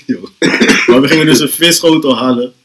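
A young man, telling an animated, slang-heavy story on a casual podcast and often laughing. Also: mid-range voice, normal speed. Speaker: podcast host.

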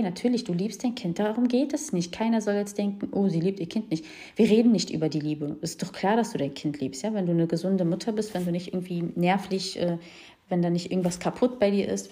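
A young woman, a new mother, frankly tells her viewers about her birth experience, pausing often with fillers. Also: medium pitch, mellow. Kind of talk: casual personal account to viewers.

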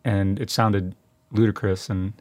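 A man co-hosting a film podcast, chatting casually in a halting, rambling way with many restarts. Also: lowish voice, flat delivery, dry recording. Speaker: podcast co-host.

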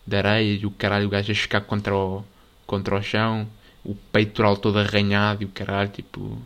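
Teen male comic, European Portuguese accent, low-ish voice, crude swear-heavy rambling monologue. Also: a bit bright. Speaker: comedy vlogger.

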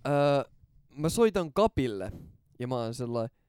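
Brief: young male podcast host, animated storyteller, smooth clear tone, dry close sound. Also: medium pitch, no room sound. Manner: animated storyteller, swears, loud excited bursts. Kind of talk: casual podcast chat.

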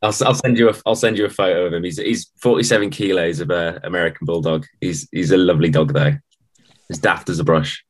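A man with a British accent, chatting casually as an interview guest in a halting, matey way. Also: sits low, fairly even intonation. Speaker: band musician, interview guest. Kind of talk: casual chat.

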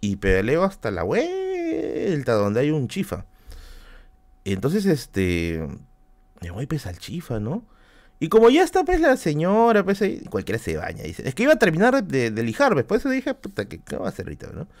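A man's voice: fairly high pitch, wildly swooping pitch, normal speed, a little mellow. A man with a Peruvian accent from Lima, telling a casual anecdote on a live stream, slangy and full of fillers and swearing. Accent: Peruvian Spanish, Lima.

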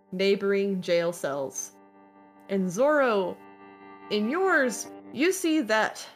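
A woman narrating a tabletop role-playing game as game master, in a loose, chatty way that often breaks into laughter. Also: medium pitch.

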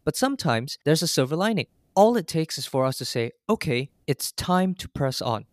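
A man's voice: on the high side, big pitch swings, moderate pace, dry recording, clean studio sound. A man co-hosting a student podcast, asking polished, semi-scripted interview questions. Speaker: podcast co-host.

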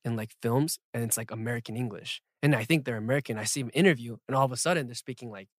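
A young man hosting a podcast in a playful, lively way, reading listener questions and chatting casually. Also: medium pitch, rapid-fire, dry recording, studio quality. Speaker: podcast host.

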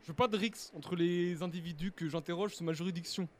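A man's voice: high-pitched, fairly quick, a little hiss or hum, natural voice. A young man playing a pompous investigator who questions suspects in a formal, mock-solemn way.

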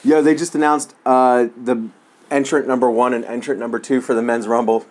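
A man's voice: mid-range voice, flat delivery, a little fast, darkish tone. A man chatting casually and crudely while reacting to a movie with friends, often laughing.

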